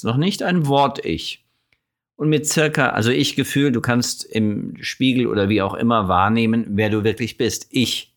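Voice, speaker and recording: A man giving a calm explanatory monologue on psychology, speaking directly to the listener with rhetorical questions and frequent self-corrections. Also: mid-range voice. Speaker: self-help video presenter.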